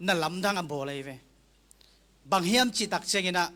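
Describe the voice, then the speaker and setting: A man preaching a sermon slowly and deliberately, sometimes closing a thought with an amen. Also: high-pitched, bright, forceful tone. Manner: slow, deliberate preaching with frequent amens.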